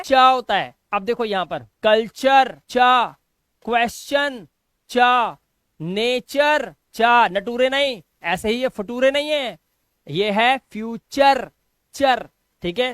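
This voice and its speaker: A man's voice: very high voice, fairly bright tone, no echo. A man teaching English spelling and pronunciation, repeating each rule and asking and then answering his own questions. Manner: channel outro with subscribe request.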